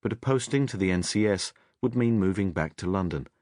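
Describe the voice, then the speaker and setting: Deep guy reading a crime audiobook, expressive, very dry studio sound. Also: a little fast, no echo. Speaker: audiobook narrator. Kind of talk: scripted audiobook narration.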